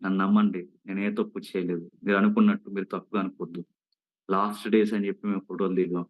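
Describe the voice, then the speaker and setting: A man's voice: deep voice, flat delivery, fast talker, phone-quality sound. A man voicing a young wife who respectfully pleads her innocence in a retold story. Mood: pleading. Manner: pleading, respectful "andi" endings.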